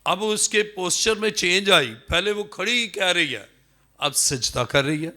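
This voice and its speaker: A man with a Pakistani Urdu accent preaching a sermon, emphatic, acting out the words of people in the story with swings in pitch. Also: lively intonation, pushed and bright. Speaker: pastor.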